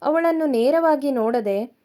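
A woman narrating a romance story in a calm, measured storytelling manner. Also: high-pitched.

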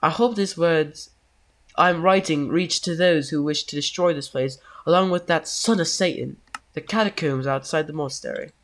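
A man's voice: fairly high pitch, moderate pace, fairly bright tone. A man voicing a solemn male priest, reading the priest's grim letter aloud in a stilted, formal mock British accent. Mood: grave.

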